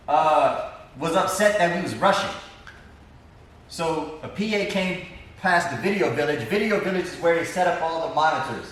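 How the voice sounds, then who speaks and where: A man's voice: fairly high pitch, a bit bright, recorded from a distance. Man teaching in an echoey classroom. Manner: casual, repeats phrases for emphasis. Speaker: film teacher. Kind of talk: classroom storytelling lecture.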